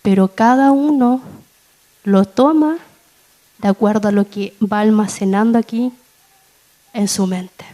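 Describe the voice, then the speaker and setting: A woman giving a testimony in a church sermon, telling her story slowly and with feeling, dropping soft and then rising in bursts. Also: rough recording. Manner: slow, emotional storytelling with soft low passages and sudden raised peaks.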